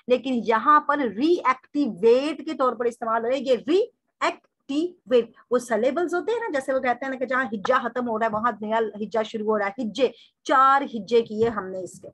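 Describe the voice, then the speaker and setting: A woman teacher giving a recorded lecture. She asks and answers her own questions, spells out example words slowly and addresses listeners formally. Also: fairly high pitch, fairly bright tone, no room sound. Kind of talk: recorded lecture reading through a text.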